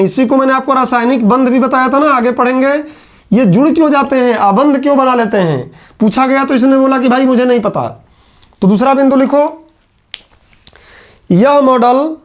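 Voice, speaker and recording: A male teacher, dictating lecture notes point by point and repeating each line for students to write. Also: extremely high pitch. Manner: repetitive, dictates points slowly then explains in quick asides.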